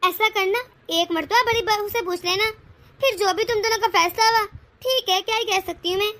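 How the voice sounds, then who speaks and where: A woman's voice: extremely high pitch, brisk, pushed and bright. A woman voicing an old, bossy mother-in-law in a cartoon, giving orders and scolding. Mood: commanding. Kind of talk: cartoon voice acting.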